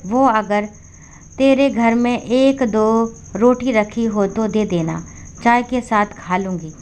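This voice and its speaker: A woman's voice: fairly high pitch, takes it slowly, slight background noise. Woman doing a meek elderly mother. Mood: pleading. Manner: soft and hesitant. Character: elderly meek widowed mother, gentle and pleading.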